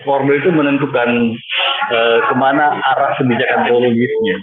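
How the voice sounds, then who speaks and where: A man's voice: medium pitch, fairly even intonation, moderate pace, loud music behind the voice. A man speaking as a guest on an online panel over a video call whose audio keeps breaking up, talking hesitantly with many filler sounds. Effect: choppy, breaking-up video call audio. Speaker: discussion community activist, guest. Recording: tinny phone-like line, noisy, cutting out.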